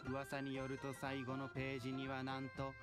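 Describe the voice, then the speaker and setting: A man's voice: mid-range voice, completely flat delivery, quick pace. An actor playing a gossiping townsman in a game, his voice sounding robotic and metallic. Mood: gossipy. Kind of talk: Japanese game voice acting. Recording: game audio over loud music.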